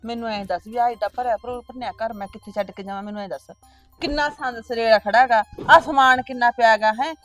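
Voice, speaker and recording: A middle-aged woman playing a patient older sister and farm-living mother who keeps calming her sibling down. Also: a little high, quick pace, faint music behind, natural voice. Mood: placating. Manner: soothing, placating, often asks back "huh?". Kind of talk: village family drama acting.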